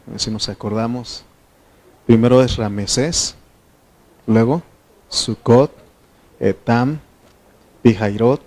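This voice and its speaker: A man from Mexico leads his congregation through a Bible study. He speaks slowly and steadily, stopping often to put questions to the room. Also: medium pitch, darkish tone. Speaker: pastor. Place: church meeting room.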